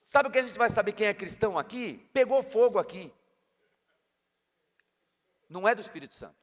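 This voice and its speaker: A pastor with a high, expressive voice preaches a sermon at normal speed, emphatic and colloquial, tossing slangy asides to his congregation. He's in a church hall, and the recording carries a long church-hall reverb.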